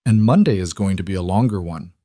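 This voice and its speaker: A man voicing a reserved, careful man of power who talks in a measured, deliberate way. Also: low voice, dark tone, dry recording, clean studio sound, close to an everyday voice.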